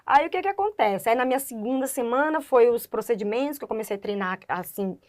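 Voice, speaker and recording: A young woman chatting as an interview guest, her voice sitting a little high. She tells her story with lively swings and acts out the voices of people she quotes. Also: fast talker. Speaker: guest, doctor. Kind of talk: casual interview chat.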